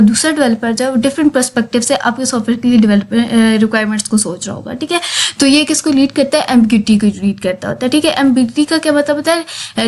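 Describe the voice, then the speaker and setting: A woman giving an exam-prep lecture, reading English lines slowly and then explaining them in Hindi, checking in often with "theek hai". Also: high voice.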